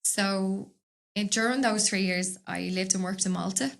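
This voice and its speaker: This Dublin business owner, guest on a podcast, speaks in a mid-range voice that runs a little slow with some vocal fry. Recorded on a studio mic, her casual interview chat is talkative and rambling, and she laughs easily.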